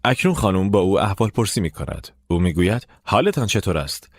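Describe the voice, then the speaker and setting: A man's voice: sits low, sing-song, no echo, studio quality. A man giving scripted lesson narration, explaining step by step and prompting listeners to repeat after him. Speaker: English teacher narrating the course.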